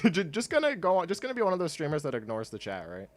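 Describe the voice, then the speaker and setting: A congested young man chatting in a low-key, rambling way while streaming a game, laughing often. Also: wildly swooping pitch, fast. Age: young adult. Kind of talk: casual gameplay stream chat. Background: quiet game music.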